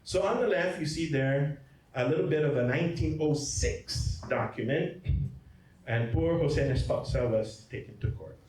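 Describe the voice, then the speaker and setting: Man, priest, lecture, jokey asides, asks "okay?" a lot, higher voice, distant mic, echoey hall. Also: normal speed, darkish tone. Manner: jokey, digressive, checks in with "Okay?" and "right?". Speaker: priest giving a genealogy talk. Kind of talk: lecture presentation. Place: hall at a symposium. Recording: echoey hall, from far off, faint noise.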